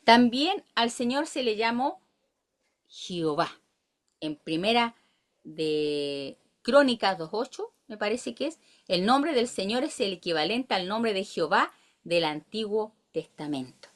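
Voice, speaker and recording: A woman's voice: medium pitch, very animated, unhurried. A woman with a Chilean accent teaching a Bible study, reading verses aloud and asking her listeners questions.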